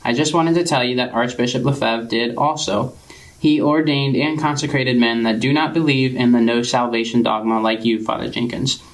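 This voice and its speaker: A man's voice: mid-range voice, steady tone, moderate pace, poor audio. A man hosting a religious interview show, introducing his guest and reading out viewer emails.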